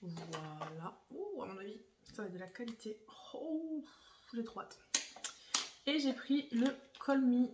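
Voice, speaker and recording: A young woman vlogger unboxing makeup in casual chat, gushing and excitable as she talks to her viewers. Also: a little high, unhurried, noisy background. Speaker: beauty vlogger. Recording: echoey room, voice a bit far from the mic.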